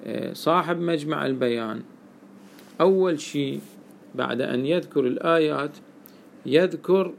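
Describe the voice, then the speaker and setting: A man gives a classroom lesson. His voice is gravelly and sits a little high, and he works through each point slowly, checking in with his students through questions. Faint background noise runs under the recording. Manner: explains step by step, quizzing students with questions. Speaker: teacher of Quranic exegesis.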